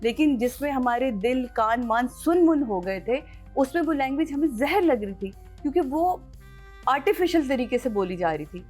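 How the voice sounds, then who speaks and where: A woman on a drama review panel, chatting casually with lively enthusiasm. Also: sits high, normal speed, soft background music. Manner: lively and enthusiastic, laughs while telling.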